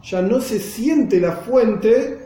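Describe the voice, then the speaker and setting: Argentine man, teacher, explains hebrew texts in class, high voice, mellow tone, echoey room. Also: drawn-out words. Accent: Argentine Spanish. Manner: reads Hebrew phrases then explains them, checks on the students.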